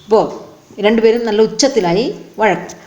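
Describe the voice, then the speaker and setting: A woman teacher who reads each English line slowly and then explains it, word by word, in a bilingual lesson. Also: fairly high pitch, darkish tone. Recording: roomy echo.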